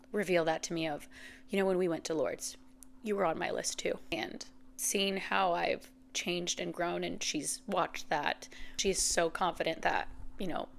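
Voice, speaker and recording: A woman in her thirties talks through a reflective faith podcast monologue. Her voice sits on the low side with a gravelly, fry-tinged texture. She speaks earnestly and heartfelt, filling pauses with "like" and "you know", and is close to tears. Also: a little hiss or hum. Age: 30s. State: emotional, near tears. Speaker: podcast host.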